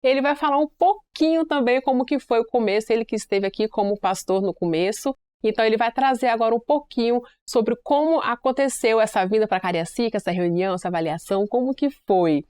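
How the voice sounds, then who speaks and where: A woman's voice: fairly high pitch, fairly quick, hardly any pauses, darkish tone, smooth. A Brazilian woman hosting a church program, inviting viewers to write in and introducing a guest. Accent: Brazilian Portuguese. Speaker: program host.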